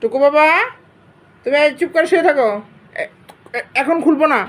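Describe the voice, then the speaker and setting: A woman's voice: high voice, moderate pace. A young woman from Bangladesh talking in doting baby talk to her pet cats, coaxing them and now and then scolding. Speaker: cat owner vlogger.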